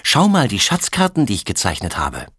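A man voicing a small boy obsessed with pirates in a children's audiobook, full of boyish excitement. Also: mid-range voice, a little fast, no room sound, clean studio sound, pitched above the performer's own voice, lightly acted. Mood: excited.

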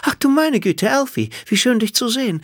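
A man voicing a cheerful elderly woman who greets people in a high, chirpy tone. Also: animated, normal speed, dry recording, studio quality, heavily acted. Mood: delighted.

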